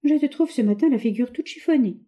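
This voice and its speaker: Woman putting on a teasing lively young lady. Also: high-pitched, pitched above the performer's own voice, lightly acted. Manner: teasing, brisk.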